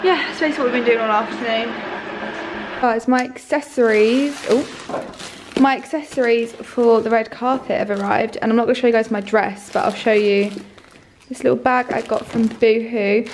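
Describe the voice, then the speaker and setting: A woman's voice: on the high side, steady tone, moderate pace, background noise. A young woman chatting casually to camera in a vlog, rambling with lots of fillers. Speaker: vlogger.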